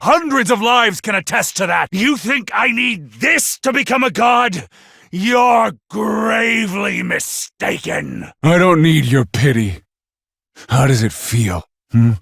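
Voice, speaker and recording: This deranged anime game villain has a god complex and sneers with open contempt, his voice lurching between menace and screaming in defiant fury. For a man he sounds high, gravelly, pushed and bright, stretching his words out theatrically in an exaggerated performance. The studio-quality recording carries no room sound.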